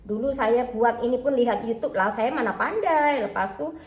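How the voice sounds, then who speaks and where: Fairly high in pitch and moderate in pace, her voice echoes around the home kitchen. She's a chatty Indonesian food-selling vlogger with a Javanese accent mixed with Malay who keeps calling out "teman-teman, ya" to viewers and refers to herself in the third person.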